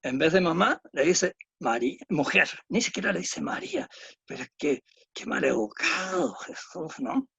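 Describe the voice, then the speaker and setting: A man's voice: high voice, sing-song, moderate pace, creaky, pushed and bright, slightly rough, no echo, muffled recording. A man lecturing on a Bible passage, explaining step by step and often checking in with tag questions. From Chile.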